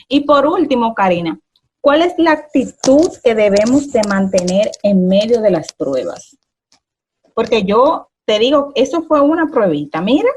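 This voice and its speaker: Host: woman, casual faith chat, a bit high-pitched, lo-fi dull recording. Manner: animated storytelling, acting out her own past words.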